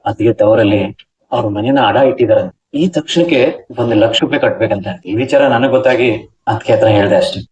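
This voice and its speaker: A young actor playing an earnest, emotional younger relative who makes heartfelt speeches in a TV serial. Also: male voice, lowish voice, fairly quick, darkish tone, natural voice. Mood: explaining. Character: earnest young brother-in-law, emotional, preachy. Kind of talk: TV serial acting. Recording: dull lo-fi TV audio.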